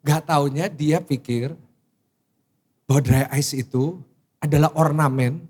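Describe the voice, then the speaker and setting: A middle-aged man, a pastor preaching a sermon to a congregation. He tells personal stories animated delivery, acts out his own shocked reactions and asks the congregation questions. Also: fairly high pitch, slow pace, breathy edge. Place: church sanctuary in front of a congregation.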